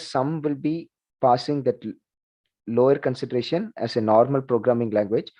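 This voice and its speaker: Guy teaching over a video call, mellow voice, kinda lo-fi audio, lots of "okay" and "like". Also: medium pitch. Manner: conversational, repeats "like" and "okay", asks the class questions. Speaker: lecturer. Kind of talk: online class lecture.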